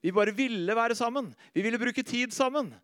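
Male preacher, middle-aged, high voice, anecdotal and animated, dry close sound. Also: clean tone, no echo. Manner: animated storytelling, laughs at himself, drops soft and slow on faith lines. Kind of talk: sermon with personal stories.

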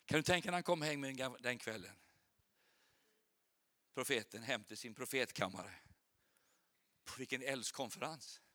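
A male preacher and Bible school teacher giving an animated sermon, telling stories and firing rhetorical questions at a church congregation. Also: mid-range voice, long pauses.

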